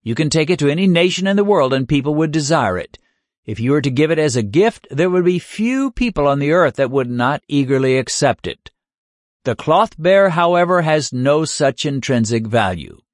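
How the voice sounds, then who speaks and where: A man delivers a sermon with an earnest, searching tone, leaning on rhetorical questions and slowing his words to drive points home. His voice sits a little high for a man. The recording is dry and close, with no room sound. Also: lively intonation, no room sound. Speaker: preacher.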